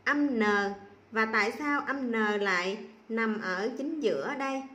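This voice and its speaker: A woman teacher giving a slow, patient spelling lesson to young children, repeating each sound clearly. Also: a little high, expressive, a bit bright, reverberant. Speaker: primary school teacher.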